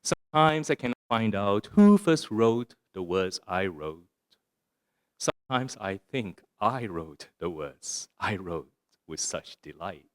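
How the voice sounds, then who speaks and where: Sing-song and slow, a man's voice on the low side carries a Singaporean speaker's musing, conversational poetry talk, complete with a reading and repeated rhetorical "right?" questions to the audience. It takes place in an arts center lecture room, recorded at studio quality with no echo.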